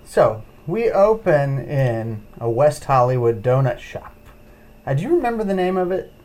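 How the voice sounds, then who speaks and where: A man co-hosting a casual film review podcast, playful, his volume swinging widely from soft to loud. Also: mid-range voice, very animated, moderate pace. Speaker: podcast co-host.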